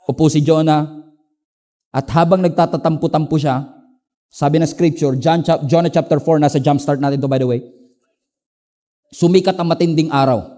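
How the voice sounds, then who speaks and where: A middle-aged man with a Filipino accent, preaching a sermon as a pastor, telling stories with emphatic highs and quiet low asides. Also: moderate pace, long pauses. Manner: animated storytelling, swings between emphatic highs and low asides.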